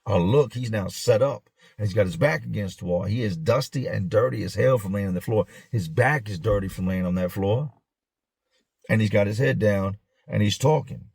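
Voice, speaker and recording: A man's voice: lowish voice, moderate pace, creaky, a little mellow, husky, no room sound, studio quality. A man hosting a show, telling a story in blunt street slang in a casual, easygoing way. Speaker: host.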